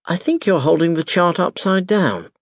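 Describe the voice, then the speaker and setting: A man doing a high, curious young girl. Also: expressive, moderate pace, no room sound.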